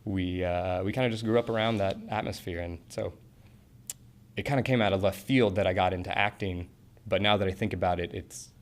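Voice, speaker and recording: Here a man in his twenties from Portland, Oregon talks a little fast in a low-pitched voice with fairly even intonation. He gives casual interview answers about acting school, earnest but rambling, full of fillers and restarts.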